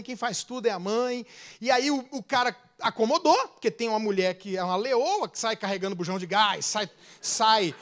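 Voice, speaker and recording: A man with a Brazilian accent, a pastor preaching a sermon with animated delivery, swelling loud then dropping into quick asides. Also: very high voice.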